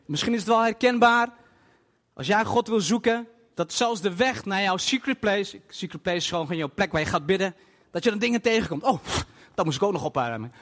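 A man preaching a sermon to a congregation in a church hall, emphatic and animated, with bursts of loud emphasis and English phrases dropped in. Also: high voice, fairly quick. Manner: scatters English phrases into his talk. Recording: long hall reverb.

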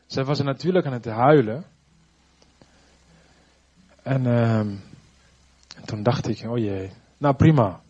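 A churchgoer shares his personal faith testimony, earnest and reflective, in a husky, slightly breathy mid-range voice with a darkish tone. He speaks haltingly, restarting sentences while he searches for words. The recording is dull and muffled.

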